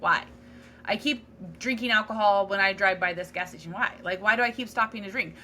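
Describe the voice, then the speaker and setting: A woman's voice: mid-range voice, a little fast, pushed and bright, a little hiss or hum. A woman hosting a solo podcast, talking in a candid, earnest, self-reflective way with casual fillers and restarts. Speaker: podcast host.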